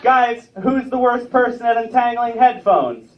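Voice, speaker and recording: Male comic, late 20s, bouncy animated delivery, chatty crowd asides, far-off muffled club audio. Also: extremely high pitch, unhurried, a little hiss or hum. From Ontario, Canada. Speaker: stand-up comedian. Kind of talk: live stand-up set. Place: comedy club stage with a live audience. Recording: distant, muffled club recording.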